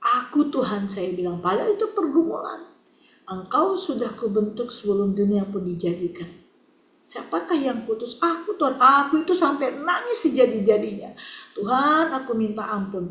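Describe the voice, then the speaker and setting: A middle-aged woman giving an emotional personal testimony to a women's Bible group, fervent, swinging between loud exclamations and hushed asides. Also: on the high side. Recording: roomy, dull lo-fi recording.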